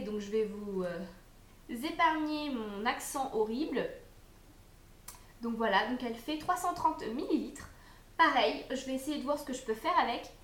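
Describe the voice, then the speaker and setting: In an echoey room, a young woman vlogger unboxes and reviews food products while chatting casually, often hesitating and using fillers. Her voice is high and fairly bright.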